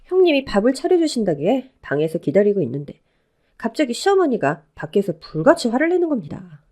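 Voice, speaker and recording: A woman's voice: fairly high pitch, big pitch swings, a little fast, darkish tone. A woman voicing a polite young daughter-in-law who narrates her story in a radio drama. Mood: calm narration. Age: young adult.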